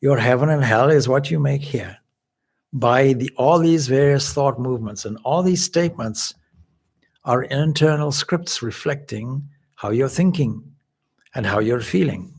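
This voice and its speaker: A man from Zimbabwe delivers a spiritual lecture as a swami, explaining points in a measured way. His voice is gravelly with a husky edge. He sits at a middle pitch. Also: a little mellow. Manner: measured, explanatory, with occasional restarts. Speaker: swami giving a spiritual talk.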